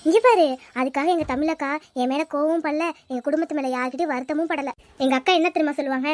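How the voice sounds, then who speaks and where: Woman voicing Isai, a fast-talking village schoolgirl. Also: sits high, no echo, close to an everyday voice. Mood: reassuring. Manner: coaxing, lecturing, reassuring. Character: caring, talkative village schoolgirl friend. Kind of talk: cartoon voice acting.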